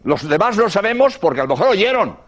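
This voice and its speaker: Older male priest; high, animated delivery in a sermon talk. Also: quick pace. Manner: lively storytelling, repeats prayers softly. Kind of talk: radio-style sermon talk.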